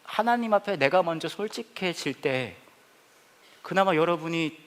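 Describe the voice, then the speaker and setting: A man preaching a humorous sermon as a pastor, telling stories playfully with sudden loud exclamations, in a church hall. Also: on the high side, expressive, moderate pace. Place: church hall with a laughing congregation.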